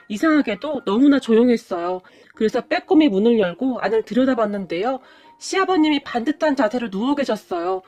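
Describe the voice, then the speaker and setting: A woman narrating a story in first person, expressive and dramatic. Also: on the high side. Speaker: story reader.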